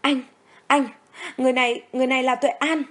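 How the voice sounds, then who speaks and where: A woman's voice: high voice, level tone, fairly quick, fairly bright tone, pitched above the performer's own voice. A brave, tearful young woman who tends wounds under fire, as a woman storyteller reads her lines. She speaks in an urgent, pleading way in this spoken storybook.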